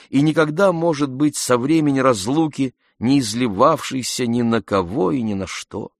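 A man slowly reading a classic novel aloud as narrator, in a measured, even way. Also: mid-range voice, no room sound, clean studio sound. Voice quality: slow, measured delivery. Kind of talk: audiobook reading.

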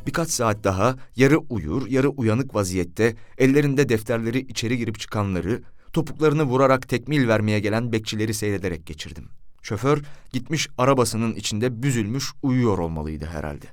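A man reads a short story aloud as an audiobook, with a lively, expressive delivery. The recording is dry and close, with no room sound. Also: medium pitch, moderate pace, no room sound. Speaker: audiobook narrator. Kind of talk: scripted narration.

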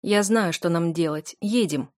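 A woman voicing a steady, self-assured man who runs orphanages, speaking calmly and matter-of-factly. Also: lowish voice, measured pace, no echo, studio quality, lightly acted.

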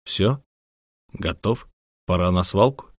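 A man voicing a calm, tired, terse police investigator in an audiobook. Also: low-pitched, slow pace, dry recording, studio quality. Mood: calm, firm. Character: weary, calm male police investigator captain. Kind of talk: scripted audiobook character acting.

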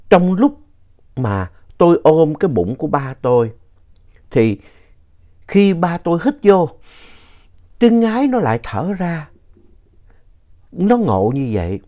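A male storyteller reads out letters sent in by listeners. His voice climbs and swoops through the tense moments of each tale. The recording sounds dull and lo-fi. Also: mid-range voice. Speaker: ghost story narrator reading listener letters.

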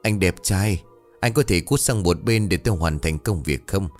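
A man voicing a young village man who wails a hired funeral lament in a drawn-out, sing-song way, in a storybook tale. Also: sits low, faint music behind, lightly acted. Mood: rude, annoyed.

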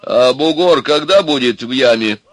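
A man voicing Ivan, a brash, hot-tempered young man with a loud, blustering, folksy way of talking. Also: medium pitch, normal speed, no echo, voice pushed up, lightly acted. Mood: boastful.

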